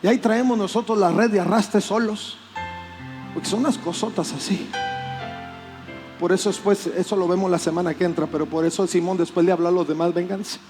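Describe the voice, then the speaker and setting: A man preaching a sermon as pastor, animated and acting out plaintive voices. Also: sits high, a little fast, faint music behind. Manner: animated, acts out voices of complaint.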